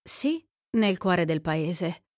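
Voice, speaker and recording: A woman voicing a mysterious young country girl with a soft, teasing, knowing manner. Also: on the low side, animated, extremely slow, dry recording, clean studio sound.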